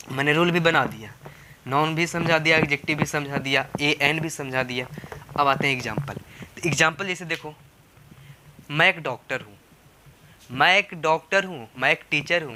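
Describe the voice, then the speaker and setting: Bright, coaxing male teacher. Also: on the high side, normal speed, pauses often, a little hiss or hum. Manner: repetitive, coaxing, asks rhetorical questions. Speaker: spoken English teacher. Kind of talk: classroom lesson explaining grammar.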